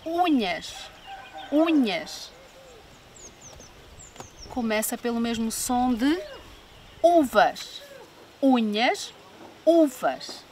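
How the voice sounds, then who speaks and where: A woman with a European Portuguese accent, leading a phonics lesson for young children, slowly sounding out first sounds and repeating word pairs. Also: a little high, big pitch swings, darkish tone, recorded from a distance. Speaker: library storyteller leading a children's sound game. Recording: faint noise, voice a little off-mic.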